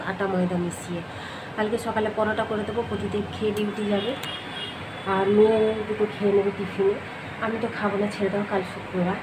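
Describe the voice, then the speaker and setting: Woman, middle-aged, chatty cooking vlog voice-over, slightly breathless, home kitchen, noisy background. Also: medium pitch. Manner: chatty, homely, addresses viewers directly. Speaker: vlogger. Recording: audible background noise.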